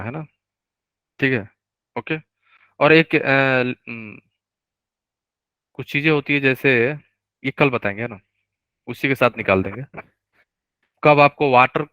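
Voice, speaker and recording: A man teaching a live online chemistry class, explaining step by step, slowing down to dictate formulas and often checking that students follow. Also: mid-range voice, sharp tone, dry recording, dull audio. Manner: explains step by step, keeps asking students to confirm.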